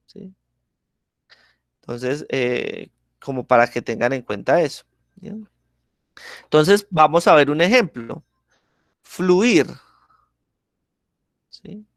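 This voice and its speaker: In a clean studio recording with no room sound, a medium-pitched man teaches an online class. He explains things step by step with examples and keeps checking that students follow, asking "¿listo?" and "¿sí?"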